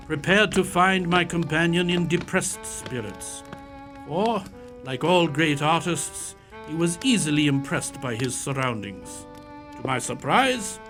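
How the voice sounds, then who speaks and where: A man's voice: on the high side, a bit bright. A man playing a genial older doctor and loyal companion who tells old stories in a polite, old-fashioned radio-play manner. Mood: storytelling. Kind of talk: radio-play acting and storytelling.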